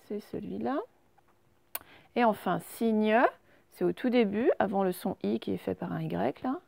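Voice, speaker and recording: A woman teacher giving a recorded reading lesson to young children, sounding out each word slowly and patiently. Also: mid-range voice, gravelly, mellow, no echo. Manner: slow, carefully sounded-out words. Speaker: primary school teacher.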